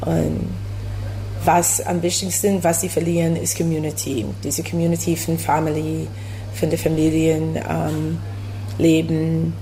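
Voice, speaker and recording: A woman from the United States with an American accent, a café owner answering interview questions in halting German full of fillers. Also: sits low, monotone, mellow, a little hiss or hum. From USA. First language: English. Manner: halting, searching for words, many fillers.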